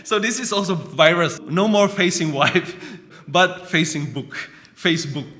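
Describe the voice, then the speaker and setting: Man preaching a sermon, bright and a bit high, chatty and keeps checking in with listeners. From Burma. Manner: conversational, often adds "you know" and "right?".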